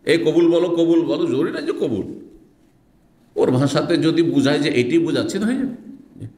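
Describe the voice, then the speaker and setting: A man's voice: a little high, animated, moderate pace, warm tone. A middle-aged man, an Islamic scholar, giving a hadith lesson. He reads Arabic phrases, explains them, and asks rhetorical questions. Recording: roomy echo.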